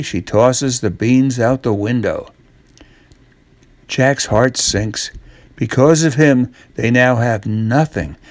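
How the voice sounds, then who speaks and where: An older man reads a children's storybook aloud, slow and unhurried, at a middling male pitch. The recording is dry, with very little room sound around him.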